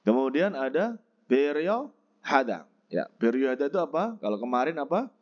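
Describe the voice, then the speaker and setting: A man teaching a Korean textbook lesson, explaining pronunciation and slowly repeating each word for practice. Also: medium pitch, very animated, highs cut off.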